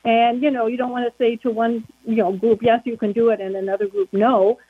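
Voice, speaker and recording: Over a muffled phone line that makes her sound as if she's behind a wall, a woman from a county board chats through a casual interview, full of "you know" fillers. Her voice is a little high and husky, brisk and flat in delivery, with no echo.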